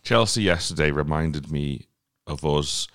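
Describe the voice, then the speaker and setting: Host role: man with a very low, gravelly voice who pauses and restarts as he talks. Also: a bit bright. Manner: halting, searches for words. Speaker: podcast host. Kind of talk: casual football podcast chat.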